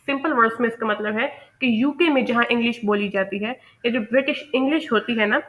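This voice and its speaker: A woman with a bright, fairly high voice teaches pronunciation step by step. She keeps checking that her listeners follow, and she slows down to spell out each English term. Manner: explains step by step, with frequent "okay" check-ins; slow, deliberate English terms. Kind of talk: explaining a lesson over slides.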